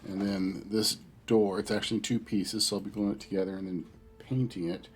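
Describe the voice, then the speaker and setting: A middle-aged man with a cold and a stuffy-sounding voice hosts a hobby livestream, chatting casually to viewers while building a model. His pitch is fairly low and he talks a little fast, relaxed and thinking aloud as he crafts. Faint music plays in the background.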